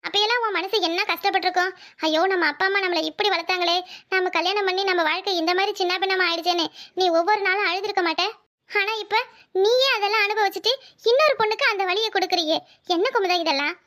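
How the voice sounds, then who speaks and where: A woman voicing a calm, wise village woman in a Tamil cartoon, with a southern Tamil accent, lecturing earnestly. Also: very high-pitched, fast. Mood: earnest advice. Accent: southern Tamil Nadu. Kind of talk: cartoon voice acting.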